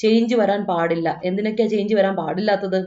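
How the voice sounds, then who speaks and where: A woman takes students through an exam coaching lesson. She asks questions and answers them herself, and she reads English example sentences slowly. The sound is dull and roomy. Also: medium pitch, mellow. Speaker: teacher.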